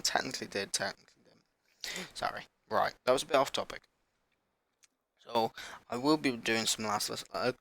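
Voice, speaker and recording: A man with a sore throat hosting a gaming channel, rambling and apologetic as he haltingly reads a list in a casual announcement vlog. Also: mid-range voice, vocal fry, fairly bright tone.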